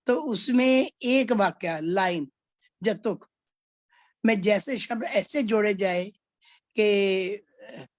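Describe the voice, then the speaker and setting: A woman's voice: medium pitch, a little mellow, no room sound, lo-fi sound. A woman teaching poetry, patiently explaining each point and acting out spoken examples. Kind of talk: explaining Hindi poetics.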